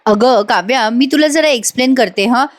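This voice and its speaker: A woman voicing an apologetic young woman who explains herself softly. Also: fairly high pitch, normal speed, natural voice.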